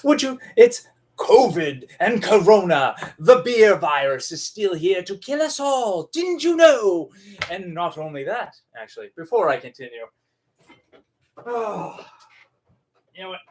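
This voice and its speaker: A man hosting a tarot video, delivering a dramatic, sarcastic monologue that swings between loud declarations and hushed asides. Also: sits high, very animated, measured pace. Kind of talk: theatrical monologue to camera.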